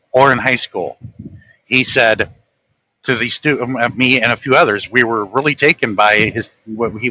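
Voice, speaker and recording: An American man hosting a livestream channel reads from his own notes in a monologue, speaking earnestly and in a lecturing way, addressing his viewers directly. His mid-range voice sounds pushed and bright, and the recording quality is low.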